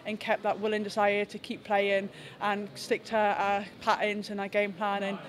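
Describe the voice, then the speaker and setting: A woman's voice: medium pitch, completely flat delivery, slight background noise. A young woman speaks as a rugby captain in a post-match press scrum, her delivery level and unvaried. She thinks aloud, stopping and restarting phrases often. Close handheld press mics catch her indoors. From England. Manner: reflective, halting with frequent restarts. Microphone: several handheld press mics close to her face.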